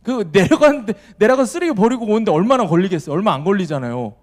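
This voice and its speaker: A man's voice: high-pitched, animated, fast. A male pastor preaching a sermon, telling stories and acting out the voices in them. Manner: storytelling, acting out the voices in his anecdotes. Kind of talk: sermon to a young adults' service.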